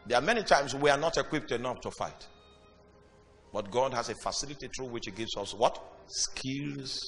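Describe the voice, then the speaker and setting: Man preaching, bright forceful voice, long echo in a big hall, faint music under it. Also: mid-range voice. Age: young adult or older. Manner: preaches with dramatic pauses and sudden loud bursts. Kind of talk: sermon. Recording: reverberant hall with music behind.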